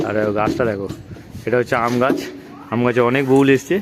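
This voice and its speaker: A man's voice: mid-range voice, fairly even intonation, fast. Chatty man vlogging at home. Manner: chatty, addresses viewers as guys, coos at children. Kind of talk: casual family vlog narration. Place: outdoors on a rooftop and around a home. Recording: noisy home phone recording.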